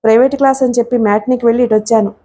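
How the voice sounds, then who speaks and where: A woman's voice: on the high side, fairly even intonation, racing, warm tone, lightly acted. A woman reading a teasing teenage schoolgirl. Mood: breezy. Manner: playful, teasing. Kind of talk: audiobook character reading.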